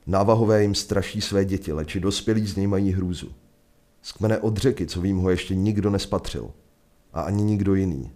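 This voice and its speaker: A man voicing a grave old townsman who speaks in a hushed voice about an evil spirit. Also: low voice, natural voice. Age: older.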